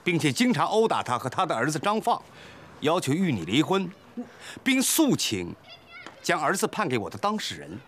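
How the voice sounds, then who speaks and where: An actor playing a lawyer who speaks in a formal, measured way. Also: male voice, fairly high pitch, huge pitch swings, fairly bright tone, a little hiss or hum. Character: formal, composed male lawyer. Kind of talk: TV drama acting.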